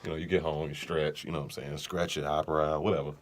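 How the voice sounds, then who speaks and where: Man, very low voice, podcast co-host, casual storytelling, joking. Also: little pitch movement, fast. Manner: storytelling, laid-back, joking. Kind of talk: casual chat.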